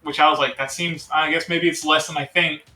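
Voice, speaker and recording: A player chatting casually at a tabletop game, excitable and quick to laugh. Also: medium pitch, a little hiss or hum. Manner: excitable, lively, laughs often. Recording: echoey room.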